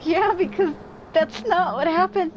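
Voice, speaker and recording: A woman's voice: very high-pitched, a little slow, music in the background, low-quality recording. A woman giving casual, slangy, sweary reactions as she plays a video game. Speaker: game streamer. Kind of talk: casual reaction commentary over gameplay.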